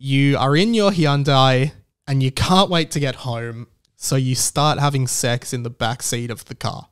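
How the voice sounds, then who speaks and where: Speaking a little slowly in a clean, mid-range voice, a thirty-something Australian man hosts a solo podcast, rambling casually with wry, mock-serious commentary.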